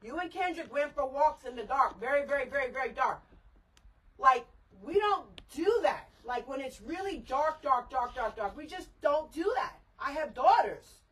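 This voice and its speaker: A woman's voice: high-pitched, lively intonation, normal speed, far from the mic, poor audio. A middle-aged mother scolding her daughter in a heated family argument, lecturing and repeating herself.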